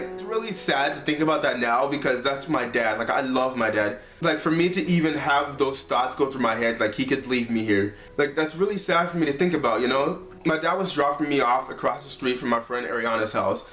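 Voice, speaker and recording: A man's voice: medium pitch, fairly quick, hardly any pauses, fairly bright tone. A man in his twenties telling a personal story to camera in a casual, heartfelt way, leaning on "like" and "you know.". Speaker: vlogger. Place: his apartment, indoors. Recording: echoey room, faint music behind.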